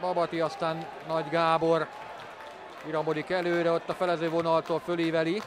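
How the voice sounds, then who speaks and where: Even-toned male football commentator. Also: a little high. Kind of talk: measured live football match commentary. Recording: crowd noise from stadium. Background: stadium crowd.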